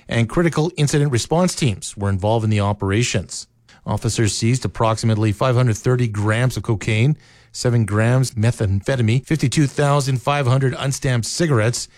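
A man reading a local radio newscast as the anchor, in a steady, measured delivery. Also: medium pitch, dry recording, studio quality. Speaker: news anchor. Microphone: close studio mic, dry.

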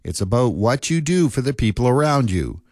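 A man's voice: mid-range voice, dry recording. Man reading local news, dry sound. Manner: steady, measured delivery. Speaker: news anchor.

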